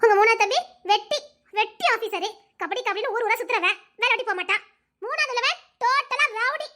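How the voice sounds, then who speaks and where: A woman playing a bossy, sharp-tongued village girl. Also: very high-pitched, expressive, a little fast, full character voice. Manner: sharp-tongued, scolding, mocking. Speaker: actress in a short romance drama. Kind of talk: dramatic village romance acting.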